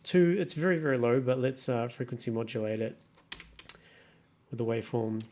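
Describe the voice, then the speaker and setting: Working through music production steps on his computer, this tutorial maker thinks aloud in a casual, offhand mutter. He speaks at normal speed in a mid-range, slightly mellow voice, over distinct keyboard and mouse clicking.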